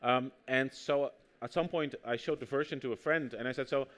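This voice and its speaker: This man, a native Dutch speaker with a noticeable Dutch accent, talks at a moderate pace and medium pitch. As an author and anthropologist guest in a conversational interview on stage at a public talk, he tells lively anecdotes and performs the quotes.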